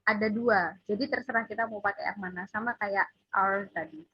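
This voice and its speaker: A woman's voice: mid-range voice, steady tone, normal speed, slightly rough, lo-fi sound. A woman teaching a casual one-on-one English lesson, patiently drilling letters for her student to repeat.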